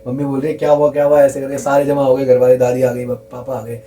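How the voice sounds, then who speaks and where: A man's voice: mid-range voice, little pitch movement, quick pace, soft background music, rough recording. Earnest young man telling a scary story. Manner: earnest, repeats for emphasis, drops to a hush at tense moments. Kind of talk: casual storytelling.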